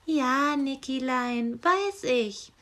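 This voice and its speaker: A woman's voice: high voice, lively intonation, extremely slow, fairly bright tone, pitched above the performer's own voice, exaggerated voice. A woman reading aloud and voicing an insistent female helper angel who coaxes with cooing pet names. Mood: coaxing.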